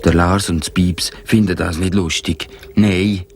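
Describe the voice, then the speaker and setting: A man with a Swiss German accent narrating a children's cartoon in a gentle storytelling way. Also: low voice, fairly even intonation, measured pace, background noise. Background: cartoon music.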